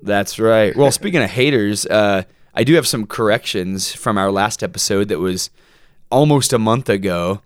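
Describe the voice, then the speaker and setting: A man co-hosting a casual podcast, talking in a relaxed, easygoing way and joking at his own expense. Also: lowish voice, normal speed, clear, resonant tone, no echo. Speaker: podcast co-host.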